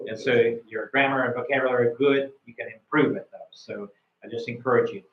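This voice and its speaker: A man's voice: medium pitch, fairly even intonation, fairly quick, reverberant, lo-fi sound. A middle-aged American man tutoring students for a speaking test in a casual, rambling way, full of fillers and repeated words. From United States. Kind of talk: casual live coaching.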